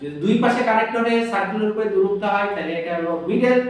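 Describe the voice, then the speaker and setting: A man with a fairly high voice gives a step-by-step Quran pronunciation lesson. He often asks a question and then answers it himself. He draws out each letter sound slowly, and he sounds a little off the mic in a very echoey room. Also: recorded from a distance. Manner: explains step by step, drawing out sounds slowly to demonstrate. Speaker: Quran teacher.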